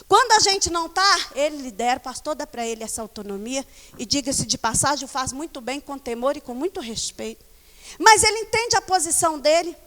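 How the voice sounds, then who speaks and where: High-voiced Brazilian woman pastor preaching. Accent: Brazilian Portuguese. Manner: animated storytelling, scolding the congregation. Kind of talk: sermon. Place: church hall. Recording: long church reverb.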